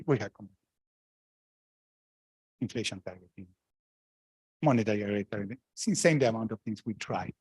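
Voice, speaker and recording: A middle-aged Argentine man, once a central banker, answers questions on a panel in a medium-pitched, slightly mellow voice with a breathy edge and no echo. He speaks frankly and emphatically, with restarts and asides.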